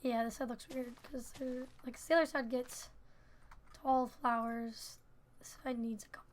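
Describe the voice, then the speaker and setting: A woman's voice: a little high, a little slow. A young woman hosting a gaming channel, chatting casually and thinking aloud as she builds. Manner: relaxed, thinking aloud with fillers. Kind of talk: casual game commentary.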